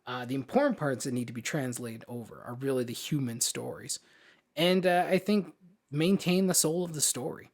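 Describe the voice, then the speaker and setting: A podcast co-host with a mid-range voice talks at a moderate pace about films. He shares his opinions casually and emphatically, using informal language.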